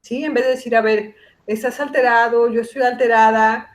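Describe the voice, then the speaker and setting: A woman's voice: a little high, steady tone, moderate pace. A middle-aged woman, a psychologist talking through a casual podcast conversation and explaining her points with examples and quoted dialogue. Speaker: guest psychologist.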